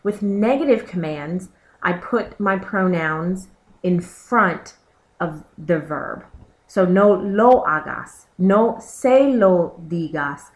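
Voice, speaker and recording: A woman's voice: fairly low pitch, expressive, slow pace. A woman teacher narrating a recorded slideshow lesson, explaining step by step and pointing to examples on the slides. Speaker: Spanish teacher.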